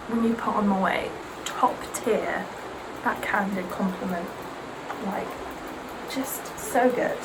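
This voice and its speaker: Her mid-range voice comes through a noisy background as she gets ready and chats in a casual, sarcastic way. The young vlogger, a native Serbian speaker, is animated and often mimics aunties and others.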